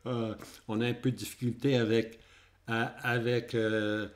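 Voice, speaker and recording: A man's voice: medium pitch, little pitch movement, unhurried. A man with a Québécois French accent teaching a Bible prophecy lesson over maps, repeating points and checking in with the class. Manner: repetitive, checks in with "hein?" and "ok?".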